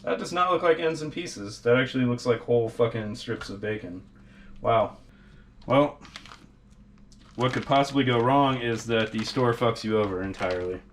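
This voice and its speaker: A man's voice: medium pitch, normal speed, slight background noise. A sarcastic, heavily swearing man hosting a casual cooking vlog, talking as he works in a home kitchen. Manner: foul-mouthed, sarcastic. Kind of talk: casual cooking demonstration, talking while working.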